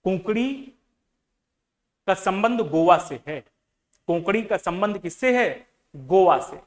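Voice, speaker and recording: A man's voice: high-pitched, lively intonation, takes it slowly. A man teaching an exam-prep reasoning lesson, asking his students questions and repeating key words, with English terms mixed into his speech.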